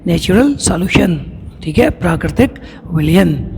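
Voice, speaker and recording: A man teaching a school science lesson, explaining step by step and reading lines slowly. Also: high voice, animated, a little mellow. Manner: explains step by step, reads English lines slowly, then restates them. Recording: echoey room with clear noise.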